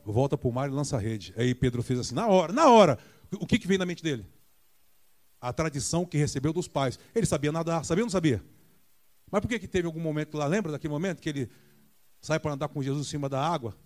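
A Brazilian pastor delivers a Sunday sermon in a church, his fairly high voice carrying the telling of a Bible story. He slips into the voices of the people in the story with sudden leaps in pitch and loudness. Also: animated, fast. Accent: Brazilian Portuguese. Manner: acts out voices of Jesus and Peter with big pitch jumps.

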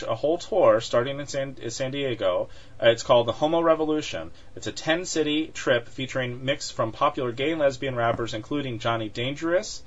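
A man co-hosting a podcast in casual chat, talking with many fillers and restarts and laughing often. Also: medium pitch. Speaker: podcast co-host. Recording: dull lo-fi sound.

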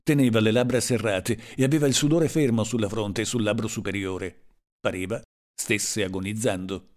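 A man reading a literary story aloud in a slow, dramatic and measured way. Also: on the low side. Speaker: audiobook narrator. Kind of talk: scripted literary narration.

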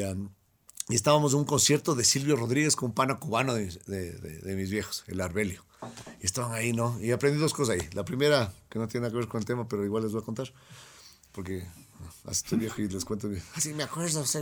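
A man's voice: medium pitch, fast, a little hiss or hum. Man guesting in a loose chat; rambles, jokes at his own expense, laughs a lot. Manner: rambling, self-mocking, laughs often. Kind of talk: casual chat.

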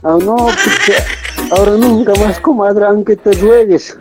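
A man's voice: sits high, sing-song, loud music behind the voice. A man playing a whining village compadre who pleads for the return of his loan in a radio comedy sketch. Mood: pleading. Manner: pleading, whining, drawn-out complaints.

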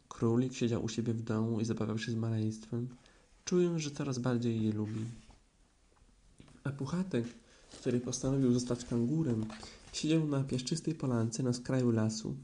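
A man narrating a children's storybook in a gentle storytelling manner. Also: mid-range voice, normal speed. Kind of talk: children's audiobook reading.

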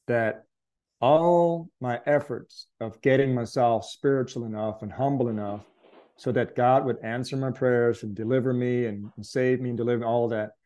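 A man's voice: medium pitch, dark tone. A man earnestly recounting a spiritual experience as an interview guest, reflective and searching for words. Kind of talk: conversational testimony.

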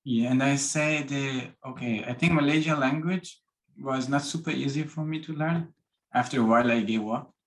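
A man from Iran talks in a relaxed interview. His pitch sits mid-range, and he works through phrasing with plenty of restarts. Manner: halting, with restarts and non-native grammar. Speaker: guest. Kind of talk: casual interview talk.

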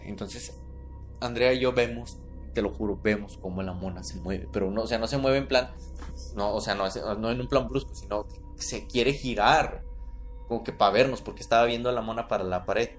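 A man with a Mexican accent, telling a creepy childhood story in casual chat and often checking in with his listener. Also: fairly low pitch. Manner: tells a spooky tale, checking in with "¿no?" and "¿verdad?". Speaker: podcast storyteller.

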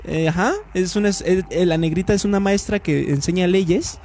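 A man's voice: high-pitched, a little mellow, a little hiss or hum. A man with a Mexican Spanish accent, chatting casually and profanely about TV series he recommends. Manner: slangy and profane, slow and deliberate when recommending. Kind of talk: casual chat reviewing TV series.

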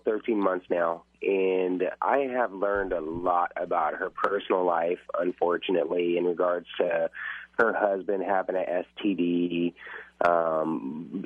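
A man's voice: sits low, dry recording. A man calling in to a radio advice show over the telephone, rambling hesitantly through his question with many fillers. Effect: heard through a telephone line. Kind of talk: phoned-in question. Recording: tinny phone line.

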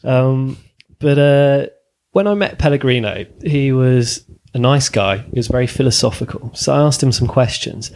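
A man hosting a podcast, talking about football in a hesitant, halting way. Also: mid-range voice, darkish tone, slight background noise. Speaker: podcast host. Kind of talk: casual football chat.

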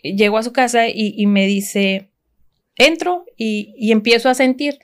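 A woman's voice: on the high side, unhurried. Mexican woman telling a story. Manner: rambling, frequent restarts and fillers. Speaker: podcast guest. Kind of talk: casual conversational storytelling.

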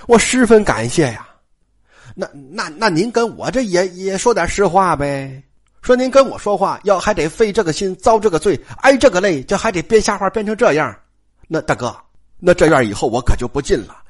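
Brash scheming young nobleman, blunt and bold, as a storyteller plays him, lively rising and falling pitch. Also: normal speed. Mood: confronting.

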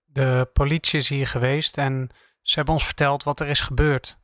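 A man voicing an HR manager, speaking quietly in a formal, measured way. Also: medium pitch, little pitch movement, no echo, studio quality, lightly acted. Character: calm formal HR manager on the phone.

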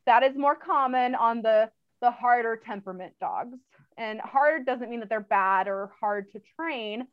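A chatty woman who trains dogs, giving an interview in a relaxed, rambling way with lots of fillers and quick laughs. Her voice sits a little high, and the sound is close, dry and slightly muffled. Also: no room sound. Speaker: interview guest, dog trainer. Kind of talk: casual interview chat.

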